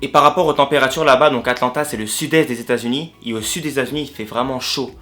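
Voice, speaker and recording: A man's voice: mid-range voice, quick pace. A man from France telling stories in a casual vlog, slangy and prone to repeating and rephrasing himself. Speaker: vlogger. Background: faint guitar music.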